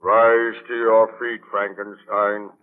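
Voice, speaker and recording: A man's voice: lowish voice, level tone, slow. A man playing an anguished, vengeful monster in a 1930s radio drama, speaking in a portentous, declamatory way. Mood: threatening. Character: anguished, vengeful male monster, lonely man-made creature. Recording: tinny band-limited 1930s radio broadcast.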